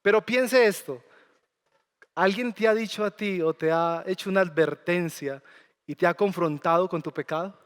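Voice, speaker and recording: Male pastor, smooth high voice, conversational sermon, reverberant church hall. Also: moderate pace. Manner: conversational preaching with questions to the congregation. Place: church sanctuary.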